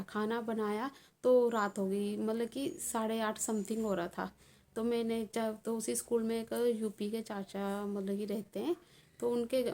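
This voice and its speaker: A woman's voice: on the high side, mellow. Chatty woman recounting a family story. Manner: rambling with many fillers and restarts. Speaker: vlogger. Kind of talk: casual personal storytelling.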